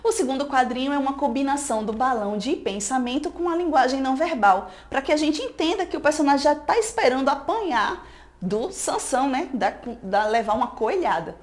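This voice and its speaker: A Brazilian woman teacher with a slightly high voice delivers a recorded school lesson. She explains patiently and often tags her points with quick checks to the students. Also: expressive. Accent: Brazilian Portuguese.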